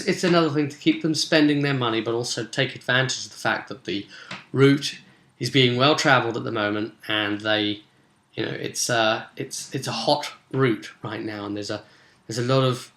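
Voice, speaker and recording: In a roomy, echoing recording, a man who serves as game master and vidcast host tells the story of a tabletop RPG session in a chatty way, voicing short snippets of dialogue. He speaks at normal speed in a bright, forceful mid-range voice.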